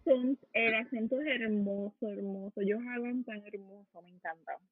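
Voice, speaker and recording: A woman's voice: mid-range voice, steady tone, moderate pace, dry recording. Outspoken Puerto Rican woman on thin audio. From Puerto Rico. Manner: outspoken, emphatic. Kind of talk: casual chat. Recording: phone-like, thin sound.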